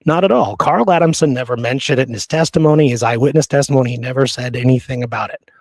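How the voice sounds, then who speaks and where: A podcast co-host talks through history in a conversational way, now and then reading quotes and repeating points for emphasis. His mid-range voice is a little mellow and he talks fast. The recording is studio quality with no room sound.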